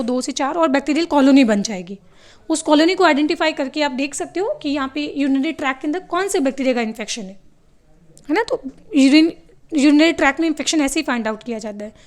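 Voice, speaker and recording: High-voiced woman teaching biology. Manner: asks the class questions and answers them herself; mixes English terms into her explanations. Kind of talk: classroom lecture.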